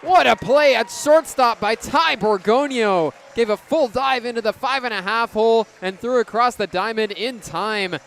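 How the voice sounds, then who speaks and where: Over a ballpark crowd, a young man in his twenties gives live baseball commentary for radio in terse, descriptive phrases. His voice is very high and a bit bright, with vocal fry, few pauses, and a normal speed.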